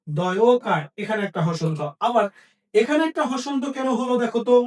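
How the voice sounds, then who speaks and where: Man, teacher, high voice, exam-prep lesson, asks and answers himself, repeats points, distant mic.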